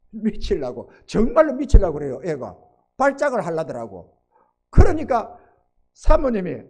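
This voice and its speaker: A man's voice: sits high, darkish tone. A middle-aged male pastor preaching a sermon, telling a personal story, acting out dialogue and putting questions to the congregation.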